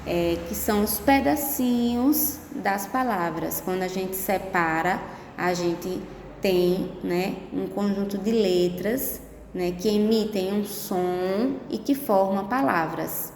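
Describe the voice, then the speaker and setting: A woman teaching young pupils in a remote lesson, speaking slowly and patiently and often checking in with tag questions. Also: mid-range voice, a little mellow, a little hiss or hum. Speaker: primary school teacher. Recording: echoey room with long reverb.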